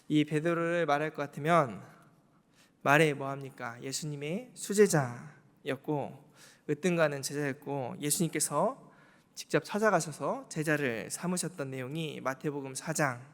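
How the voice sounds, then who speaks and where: A man delivers a Wednesday evening sermon in a church sanctuary, his voice sitting slightly high. He leans on rhetorical questions and repeats key words for emphasis. The sound carries a long reverb from the hall. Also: normal speed. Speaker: pastor.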